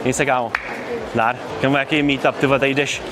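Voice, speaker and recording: Amid the crowd noise of a busy mall, a young man with a Czech accent runs a casual IRL livestream, joking around with fans in upbeat slang. He speaks at medium pitch in a steady tone.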